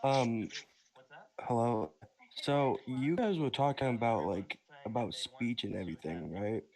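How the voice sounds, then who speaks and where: A man with an average-pitched voice calls into a casual group debate. He has a speech impediment and pronounces r as w. His way of talking is blunt, with casual swearing. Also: unhurried, a little mellow, rough recording. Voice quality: speech impediment, can't pronounce R's, says w for r. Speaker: caller.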